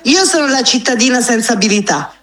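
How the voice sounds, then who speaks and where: A woman's voice: on the high side, animated, fast talker, fairly bright tone. A woman calling in over a phone on speakerphone, telling an anecdote in a chatty way with fillers and restarts. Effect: heard over a phone on speakerphone. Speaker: phone-in guest. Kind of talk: casual anecdote told on air.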